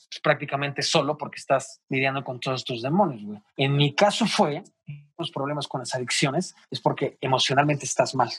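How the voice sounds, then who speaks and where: A man's voice: mid-range voice, breathy edge. A man with a Mexican accent speaking earnestly and emphatically as a podcast guest, swearing casually as he talks.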